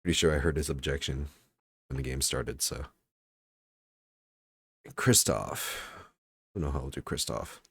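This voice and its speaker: A man's voice: extremely low pitch, a little slow, vocal fry, pauses often, fairly bright tone, slightly rough, dry recording, clean studio sound. A man streaming a game, chatting casually and offhandedly between lines of dialogue, with occasional swearing. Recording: game music playing behind.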